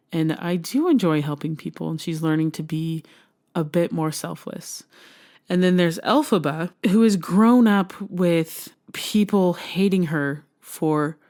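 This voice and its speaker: Woman, podcast host, low-pitched, earnest and heartfelt, laughs often. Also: darkish tone. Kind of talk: solo podcast monologue.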